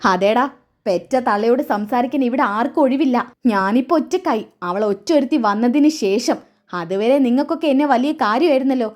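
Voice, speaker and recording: A woman's voice: a little high, animated, normal speed, lightly acted. Vaijayanthi, a woman reading a bitter mother. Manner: taunting, self-pitying. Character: bitter scornful middle-aged mother, sharp-tongued. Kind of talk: reading a serial recap aloud.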